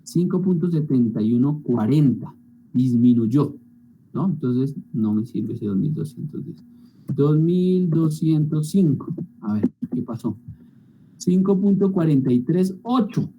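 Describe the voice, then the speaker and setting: A man's voice: a little high, animated, unhurried, warm tone, a little hiss or hum, poor audio. A male teacher walking students through spreadsheet calculations in an online class, often checking in with them. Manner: talks through spreadsheet steps, frequent checking tags.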